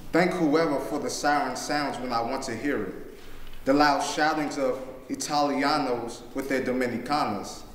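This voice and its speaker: A man's voice: mid-range voice, slight background noise. A teenage boy reading his own spoken-word poem with a rhythmic, rhyming delivery in a classroom. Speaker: student poet. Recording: echoey room.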